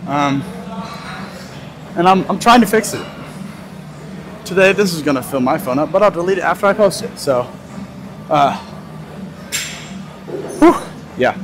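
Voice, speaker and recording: In a large gym with music blaring, a man in his twenties films a casual walk-and-talk vlog on a nearby tripod phone camera. His voice is on the high side against the noisy background, and his manner is relaxed and rambling, broken up by frequent laughter.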